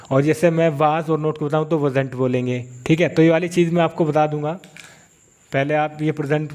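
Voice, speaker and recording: A man from India, teaching English grammar in a classroom style and slowly repeating example phrases. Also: fairly high pitch, a little mellow. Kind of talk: classroom-style spoken lesson.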